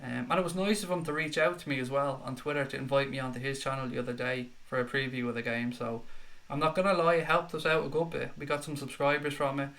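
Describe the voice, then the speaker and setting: A man's voice: mid-range voice, fairly even intonation, fast, few pauses, fairly bright tone. A man with a Dublin Irish accent hosts a casual live stream with a slight head cold, reading viewer messages aloud and answering them in a matey way. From Dublin, Ireland.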